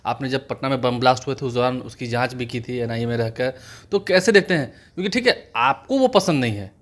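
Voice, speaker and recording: A man's voice: medium pitch, expressive, a little fast. A man interviewing a guest for a news channel, pressing him with follow-up questions.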